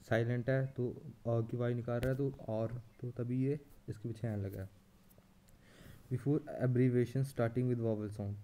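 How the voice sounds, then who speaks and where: A young man teaching a grammar lesson, explaining slowly and deliberately and spelling out his examples word by word. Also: medium pitch, dark tone.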